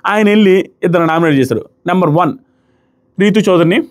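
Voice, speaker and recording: A man giving casual, animated commentary on a reality show and acting out the contestants' quoted lines. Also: sits high, fairly quick.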